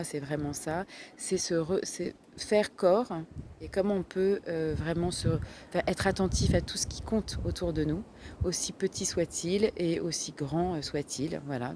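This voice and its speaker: Femme française à la voix grave et sombre, hésitante. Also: female voice, low-pitched, darkish tone, a little hiss or hum. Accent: French. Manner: hesitant, many fillers and self-corrections. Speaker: holistic therapist. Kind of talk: casual recommendation vlog.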